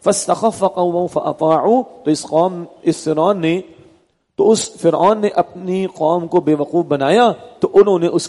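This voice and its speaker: A man giving a Quran commentary lesson, reciting verses slowly and then translating and explaining them. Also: fairly high pitch, dark tone, long reverb tail. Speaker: Quran teacher.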